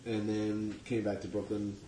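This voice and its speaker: A man's voice: fairly low pitch, completely flat delivery, normal speed, dark tone, reverberant, a little hiss or hum. A young man from Long Island, a comedian telling laid-back, profane stories as a podcast guest. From Long Island, New York. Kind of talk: casual storytelling interview.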